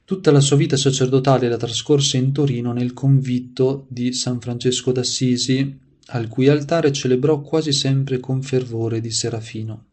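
A man's voice: mid-range voice, steady tone, normal speed, a little mellow. A man preaching, reading a saint's life in a devout tone and adding his own asides. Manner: devout, reads aloud with added asides and restarts.

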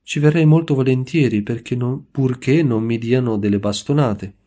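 A man's voice: mid-range voice, normal speed, dark tone, natural voice. A man voicing a shy, poor sixteen-year-old boy who gives short, timid answers.

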